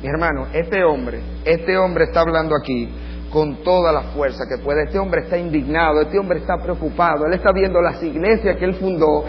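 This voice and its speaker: A high-voiced man preaches. He swings between hushed asides and fiery, shouted readings of scripture. His voice rings through a church hall with long reverb, and the sound is slightly dull with a faint hum. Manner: passionate, swings from low asides to shouted Bible quotes. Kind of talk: sermon.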